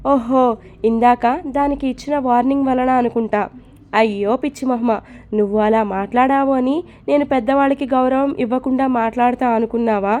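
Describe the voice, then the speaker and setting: A mischievous young husband from a storybook, as a woman narrator plays him, talking in a playful, teasing way. The voice stays fairly high. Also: steady tone, a little fast, a little mellow, muffled recording, natural voice.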